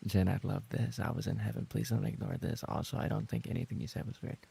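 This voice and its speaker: There's slight background noise as a man with a fairly low, gravelly, creaky voice talks quickly with fairly even intonation and a warm tone. A livestream host and roleplay voice actor, he reads out viewer messages in casual chat, responding with mock indignation, swearing, and repeating himself when flustered.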